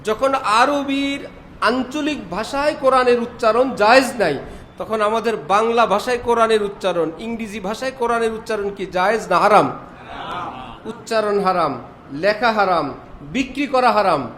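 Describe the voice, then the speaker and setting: A man preaching a sermon, full of rhetorical questions and lively imitations of Arabic pronunciation. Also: high voice, moderate pace. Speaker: Islamic preacher. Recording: faint background noise.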